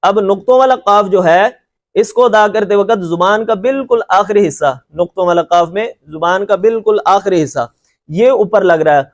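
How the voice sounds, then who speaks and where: A man teaching Quran recitation in a lecture, patiently repeating points and stretching out letter sounds to demonstrate them, with a reassuring tone. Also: sits high. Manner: reassuring and encouraging. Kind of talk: classroom lecture with slides.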